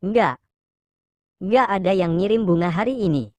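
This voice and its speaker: A woman's voice: mid-range voice, lively intonation, moderate pace, darkish tone, no echo, highs cut off, natural voice. A woman reading an audiobook, voicing a nervous young woman who stammers and hesitates. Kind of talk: audiobook character voice.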